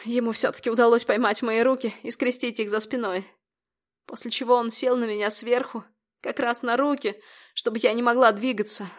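A young woman with a somewhat high voice reads a first-person audiobook. Her telling is tense and dramatic. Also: fairly even intonation, a little fast. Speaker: audiobook narrator.

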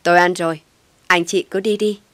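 Brief: woman reading as a harsh older mother in a storybook, scolding, low voice, dry close sound. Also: fairly even intonation, fairly quick, no echo, close to an everyday voice. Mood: furious scolding.

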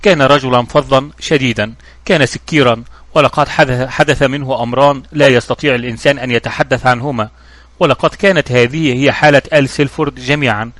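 A man voicing a composed, genteel middle-aged mother in a storybook reading, explaining things calmly. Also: medium pitch, fast talker, no room sound, natural voice.

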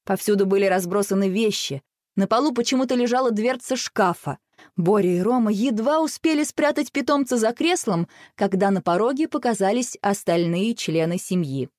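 A woman narrates a children's story in an expressive, animated voice. Her pitch moves a lot. The sound is close and dry. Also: moderate pace, dry recording.

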